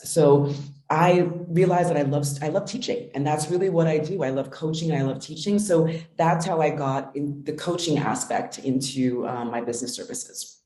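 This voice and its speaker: Mellow-voiced woman explaining her coaching. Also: low-pitched, echoey room. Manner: earnest, explanatory, frequent ums. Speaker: business coach, guest. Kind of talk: interview answers.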